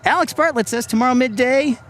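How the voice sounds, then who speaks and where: A man's voice: very high voice, fairly quick, fairly bright tone, slight background noise. A man hosting a live stream outdoors, chatting casually and reading viewer comments aloud. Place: outdoors by an airport.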